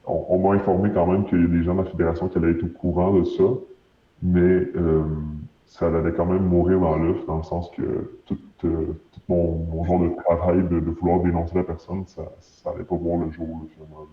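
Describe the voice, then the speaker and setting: A man with a Quebec French accent gives halting testimony, searching for words, his voice shifted deep to hide his identity. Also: level tone, roomy sound, phone-quality sound. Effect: voice pitch-shifted down to disguise identity. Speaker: anonymous witness being interviewed.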